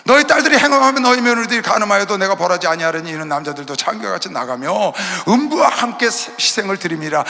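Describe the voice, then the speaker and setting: A man preaching an impassioned sermon as a pastor, dropping to hushed storytelling and then rising to loud shouts. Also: sits high, gravelly. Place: large arena hall. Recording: reverberant arena hall.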